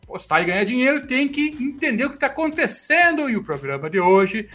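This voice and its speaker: A man's voice: very high-pitched, sing-song, brisk, pushed and bright, soft background music. A man with a Brazilian Portuguese accent hosting a casual betting podcast. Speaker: podcast host.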